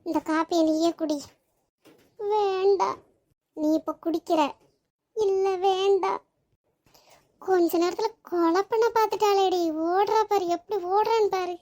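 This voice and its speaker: Woman doing very high-voiced cartoon girlfriends. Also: fairly even intonation, dark tone. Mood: teasing. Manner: quick, scolding banter with a tearful edge. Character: young adult women friends, chatty and emotional. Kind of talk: animated cartoon voice acting.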